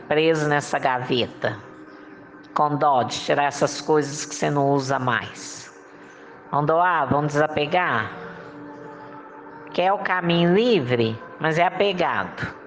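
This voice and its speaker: A woman giving a motivational monologue, coaxing listeners with rhetorical questions and frequent laughs. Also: low voice. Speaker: motivational speaker.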